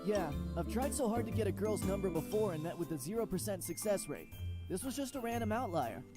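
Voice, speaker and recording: An earnest, bewildered young student. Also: male voice, high voice, big pitch swings, fairly quick, music in the background. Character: shy awkward young male pilot student.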